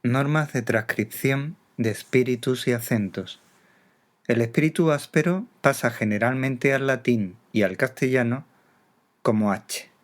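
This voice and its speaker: A man's voice: medium pitch, measured pace. A man giving scripted instructional narration, carefully enunciating each example word. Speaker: teacher.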